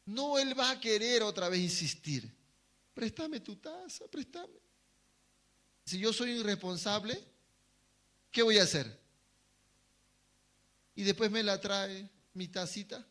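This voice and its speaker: A man's voice: sits high, unhurried, long pauses, bright, forceful tone. A man preaching a sermon to his congregation, asking them questions and answering them himself, sometimes acting out short quoted voices. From Bolivia. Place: church hall.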